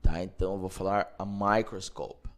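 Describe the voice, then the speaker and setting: A man from Brazil teaching English pronunciation, repeating each word slowly and checking in with playful asides. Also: deep voice, fairly even intonation. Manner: repeats words slowly and clearly, asks "beleza?" often. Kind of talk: Portuguese-spoken English pronunciation lesson.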